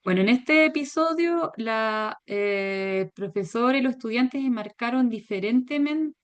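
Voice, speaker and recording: A woman giving a virtual academic lecture, measured and hesitant, with frequent fillers. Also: on the high side, expressive. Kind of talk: academic presentation. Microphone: video call.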